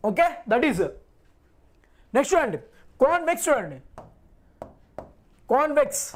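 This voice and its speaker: A man's voice: extremely high pitch, big pitch swings, unhurried. A male physics teacher in a live online class who reassures his students, repeats every point and asks and answers his own questions.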